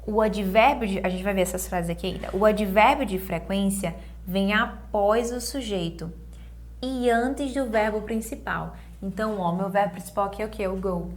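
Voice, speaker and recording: A young woman with a Brazilian Portuguese accent, teaching an online English lesson and slowly repeating words for students to drill. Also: medium pitch.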